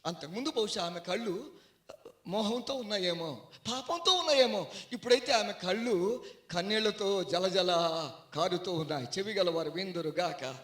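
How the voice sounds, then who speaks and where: A man preaching a sermon in a storytelling way, swinging from hushed tones to loud outbursts. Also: high-pitched, moderate pace, roomy sound. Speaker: guest preacher.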